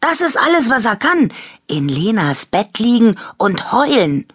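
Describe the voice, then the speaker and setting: A woman's voice: low voice, animated, takes it slowly, a bit bright, breathy edge, no echo, clean studio sound, full character voice. A woman voicing a jealous, pouting little toy girl with a whiny, indignant manner, in a storybook reading.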